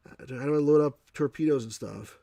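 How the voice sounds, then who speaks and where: A man's voice: a little high, fairly quick, gravelly, warm tone, no room sound. A man from New York with a mild New York accent, casually commenting on a game as he plays, thinking aloud and answering chat. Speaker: game reviewer streaming. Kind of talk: casual live gameplay commentary.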